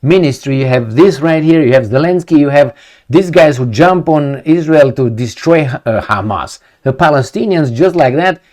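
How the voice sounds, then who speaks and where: A man's voice: fairly high pitch, expressive, moderate pace, a little mellow. A man from Romania, giving a rambling opinion monologue to camera, full of rhetorical questions and repetition. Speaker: video commentator.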